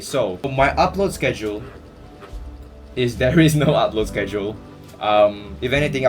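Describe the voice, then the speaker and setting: A young Singaporean YouTuber with an ordinary mid-range pitch rambles through viewer questions in a casual Q&A chat, joking loosely and using slang and filler words. A plucked guitar tune is clearly audible behind him.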